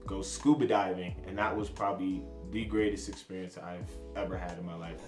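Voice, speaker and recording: A young man from New Jersey introduces himself on camera, easygoing and a little self-mocking, his voice sitting fairly low. The room is echoey, and music plays clearly behind him. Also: steady tone, fairly quick. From New Jersey, USA. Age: 20s. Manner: chatty, self-deprecating, jumps between topics. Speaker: vlogger. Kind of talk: casual to-camera introduction vlog.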